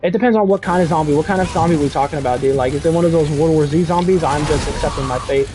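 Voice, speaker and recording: A young man streaming casually, reading chat and rambling excitably with lots of "dude" and "bro". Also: fairly high pitch, racing, slight background noise.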